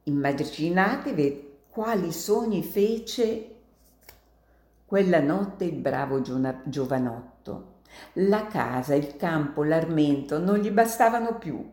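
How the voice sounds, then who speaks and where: Slow, low-voiced woman storyteller. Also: lively intonation, a little mellow, reverberant. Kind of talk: reading a story aloud.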